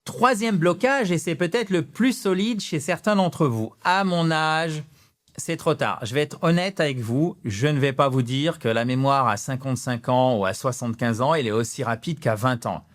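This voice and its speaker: A man with a French accent, an English teacher giving a direct-to-camera lesson in a lively, chatty way with self-mocking asides. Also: a little high, normal speed.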